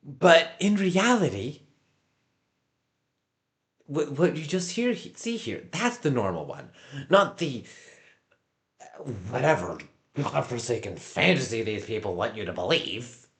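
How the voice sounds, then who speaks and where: A man giving casual, halting reaction commentary as a streamer, with mocking asides. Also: medium pitch, sing-song. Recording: roomy, echoey room sound.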